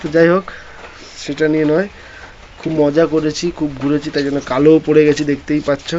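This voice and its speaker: A man's voice: fairly high pitch, little pitch movement, a little fast, darkish tone. A man chatting casually in a home vlog, rambling with many restarts. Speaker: vlogger. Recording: dull lo-fi phone audio with faint noise.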